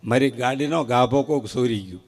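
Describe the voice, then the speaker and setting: Here a man with a mid-range voice tells jokes on stage at a normal speed. He's a stand-up comic at a folk show, performing outdoors for a live crowd and animatedly acting out brief quoted dialogues as he tells his stories.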